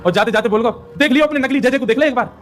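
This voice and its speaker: Gossipy, indignant milkmaid, quick and high , played by a man. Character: complaining village milkmaid, aggrieved woman.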